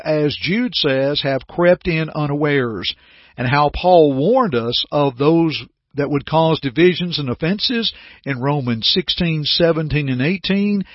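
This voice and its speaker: A man giving scripted Bible teaching as a radio preacher, in an earnest, formal, measured delivery. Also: fairly high pitch, no room sound, lo-fi sound.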